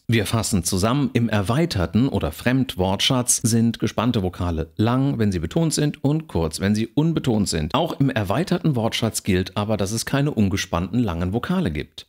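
Male university lecturer, lowish voice, measured explanatory delivery, slows down for examples. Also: a little mellow. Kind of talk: recorded academic lecture.

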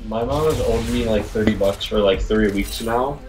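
A man's voice: fairly low pitch, moderate pace, rough recording. A man chatting casually and joking with friends during a video game, in a laid-back, rambling way. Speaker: channel host, gamer. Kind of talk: casual voice chat while gaming. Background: game music and sounds.

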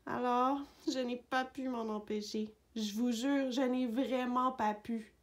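Slow, gentle woman reading a storybook. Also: on the high side, steady tone. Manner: gentle, unhurried storytelling for young children. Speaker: children's book reader. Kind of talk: read-aloud storybook narration.

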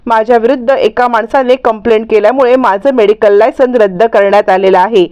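A woman's voice: a little high, fairly even intonation, brisk, a little mellow, lo-fi sound, natural voice. A woman doing a tearful pleading young wife.

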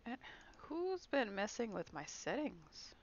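Slow gravelly woman gamer, teasing. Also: medium pitch, sing-song, dull audio. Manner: teasing, laughs often. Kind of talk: casual gaming chat.

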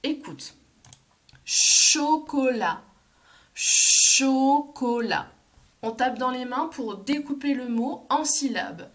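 A woman teacher, giving a phonics lesson to young children and stretching out each syllable, with loud stressed words. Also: high-pitched, lively intonation, measured pace.

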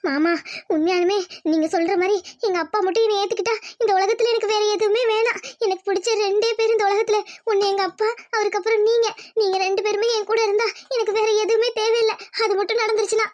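A woman's voice: extremely high pitch, steady tone, fast, a little mellow, highs cut off, pitched above the performer's own voice. A woman voicing a young village bride in a cartoon, tender, pleading and emotional. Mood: tearful. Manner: pleading, emotional, calls her fiancé uncle-sweetly. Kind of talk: cartoon voice acting.

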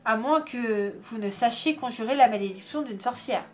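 A woman's voice: on the high side, normal speed, a little mellow, soft background music, close to an everyday voice. A woman voicing a blunt, matter-of-fact two-headed lynx creature.

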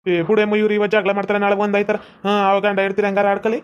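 A man voicing a calm young man in a cartoon comedy, offering reassurance in a North Karnataka Kannada accent. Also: high voice, racing, smooth, lo-fi sound, close to an everyday voice. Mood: reassuring. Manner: reassuring, philosophizing.

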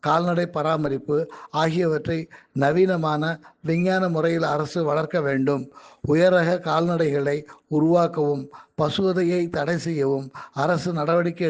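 A man reading his own magazine articles aloud in a measured, careful way. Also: on the high side, a little mellow.

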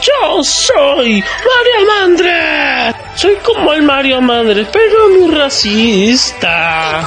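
A man puts on a squeaky, swaggering Mario knockoff with a very high voice that leaps around. Each word is drawn out slowly over loud game music. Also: big pitch swings, full character voice. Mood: boastful. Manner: bragging, insulting. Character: boastful, rude shrill male Mario knockoff. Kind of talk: meme voice acting.

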